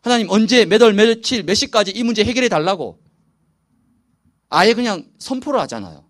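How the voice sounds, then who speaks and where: A middle-aged male pastor leading a church new-member training session, asking the audience questions and answering them himself. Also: a little fast. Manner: lively, animated rises and drops in pitch.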